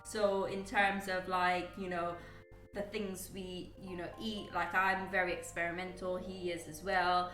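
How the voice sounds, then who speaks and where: A woman's voice: on the low side, flat delivery, a little slow, fairly bright tone, reverberant, recorded from a distance, faint music behind, rough recording. A young woman from Guyana and the UK chatting casually as a podcast host, rambling with lots of fillers and restarts. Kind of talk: casual chat.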